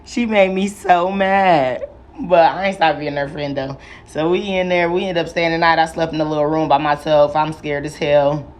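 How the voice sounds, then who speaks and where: A woman's voice: deep voice, steady tone, moderate pace. A young adult woman vlogging a casual, profane storytime, chatty and full of slang. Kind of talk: casual storytime while doing hair.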